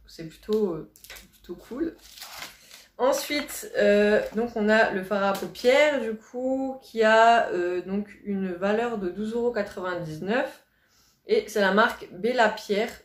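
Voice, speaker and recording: A woman beauty vlogger chatting casually to camera, gushing and repeating words for emphasis. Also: mid-range voice. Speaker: beauty vlogger unboxing a box. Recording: roomy echo, faint hiss.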